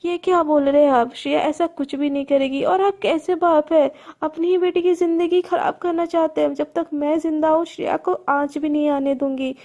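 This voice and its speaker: A woman's voice: sits high, steady tone, moderate pace, few pauses, dark tone. A woman voicing an angry, defiant young woman held captive.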